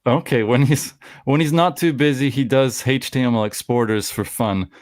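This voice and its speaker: A Canadian man in his forties hosts a live stream at normal speed, his voice mid-range and the recording dry. He chats casually and rambles, frequently cutting himself off to crack a joke.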